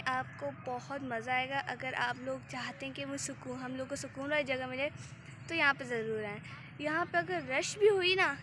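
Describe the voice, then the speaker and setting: A woman with a hoarse throat, chatting casually on a walking vlog in a park. She mixes English words into her talk and sounds a little shy. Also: sits high. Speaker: vlogger. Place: outdoor city park. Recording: noisy outdoor phone recording. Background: open-air park ambience.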